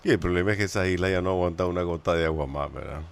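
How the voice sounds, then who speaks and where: A man's voice: sits low, racing, gravelly. A man, chatting casually as a panelist on a radio show. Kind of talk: casual chat.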